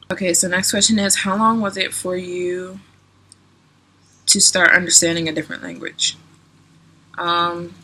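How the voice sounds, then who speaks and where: Young woman in her twenties, bright crisp tone, chatty vlogger who laughs easily. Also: lowish voice, slight background noise. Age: 20s. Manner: chatty, giggly, lots of "like" and "um". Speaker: travel vlogger. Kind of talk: casual Q&A vlog.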